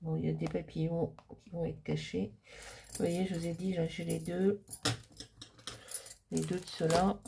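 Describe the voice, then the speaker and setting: A middle-aged woman crafter talking casually through a paper-crafting project, chatty and hesitant, with many pauses and fillers. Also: lowish voice, flat delivery, creaky, dark tone, a little hiss or hum.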